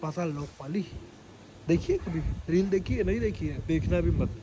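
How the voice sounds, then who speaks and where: A man's voice: a little high, expressive, normal speed. A young man rambling casually and jokingly as he vlogs on a street, filming himself on a phone. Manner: chatty, rambling, jokey. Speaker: vlogger. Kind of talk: casual vlog chat. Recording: noisy street with passing traffic.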